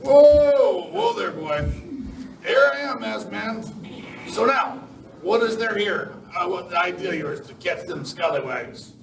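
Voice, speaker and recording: A man's voice: high-pitched, animated, unhurried, gravelly, exaggerated voice. A man playing a folksy, talkative Old West sheriff full of cowboy slang in an amateur live radio play. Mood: jovial, curious. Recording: roomy, distant, noisy live recording.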